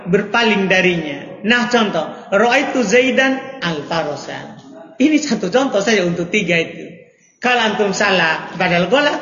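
Bright high male teacher, quizzing students, echoey hall on dull audio. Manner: questioning students, playful examples. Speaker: Arabic grammar teacher. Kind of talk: classroom lesson.

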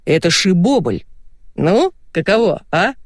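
Woman voicing a boastful, pushy rich man, audiobook, lively pitch, dry sound. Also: unhurried, dry recording. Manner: boastful, insistent. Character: brash, pushy rich middle-aged man.

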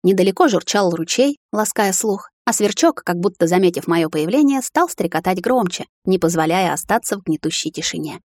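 A woman narrating a novel in first person, with an even, expressive storytelling manner, recorded close to the mic. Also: on the low side, fairly quick, few pauses, no echo. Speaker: audiobook narrator.

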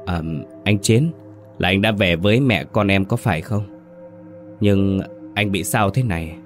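A man's voice: deep voice, measured pace, soft background music. A man voicing a desperate young widow pleading in a ghost story. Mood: frantic. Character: frantic grieving young wife.

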